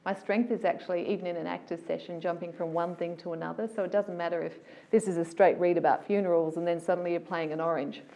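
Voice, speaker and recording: A woman, a voiceover artist telling stories about her career in a casual, animated, enthusiastic interview. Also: on the low side, quick pace, few pauses.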